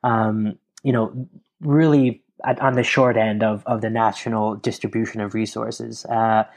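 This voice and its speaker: A man's voice: on the low side, little pitch movement, a little slow, darkish tone. A man from Connecticut, a guest on an interview show, talking earnestly and analytically in long explanations about politics. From Connecticut, USA. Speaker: guest, Africa democracy advocate. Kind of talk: interview conversation.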